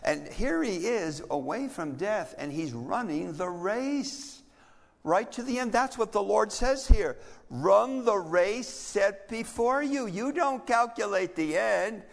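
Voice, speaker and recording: Animated older male preacher, echoing hall. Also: high voice, slow, gravelly. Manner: animated, rising to emphatic bursts, with repeated phrases. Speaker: pastor. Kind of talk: sermon. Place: church sanctuary. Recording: long hall reverb.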